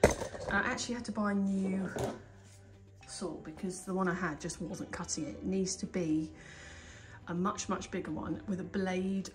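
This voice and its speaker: A British woman with a fairly low voice films her hands on a handheld phone or camera while doing DIY in her home's hallway and staircase. At a normal speed, she chats and thinks aloud in a casual renovation tutorial. Soft music plays in the background.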